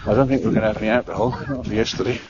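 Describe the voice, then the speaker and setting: A man's voice: lowish voice, fairly even intonation, racing. Breathless man vlogging outdoors. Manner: rambling, chatty, with frequent "uh" and restarts. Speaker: travel vlogger. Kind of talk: casual walking vlog. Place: outdoor park by the water. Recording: dull lo-fi sound with clear background noise.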